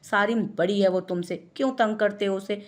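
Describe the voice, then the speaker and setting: A woman reading the lines of a gentle, calm young student who reproves others mildly. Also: medium pitch, brisk, lightly acted.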